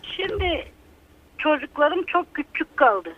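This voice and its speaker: A woman's voice: high-pitched, sing-song, slow pace. An older woman, calling in to a radio show over a landline phone and bitterly airing her grievances. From Bulgaria. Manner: bitter, aggrieved, emotional complaining. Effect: heard over a landline phone. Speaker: radio call-in listener. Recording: narrow tinny phone line.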